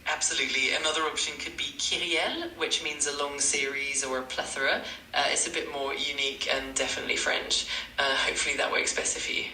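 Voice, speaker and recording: Bright, eager-to-please AI tutor voice. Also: mid-range voice, little pitch movement, fast, roomy sound, far from the mic, slight background noise, rough recording. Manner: polite, eager to please, stock phrases. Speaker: AI language tutor. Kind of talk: chatbot tutoring replies.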